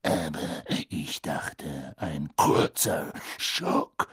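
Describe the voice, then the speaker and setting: A man voicing a gruff, scarred old male wizard teacher, growling slowly in a gravelly voice. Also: extremely low pitch, fairly even intonation, fairly bright tone, no echo, studio quality, voice pushed down, exaggerated voice. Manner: growling, slow and menacing.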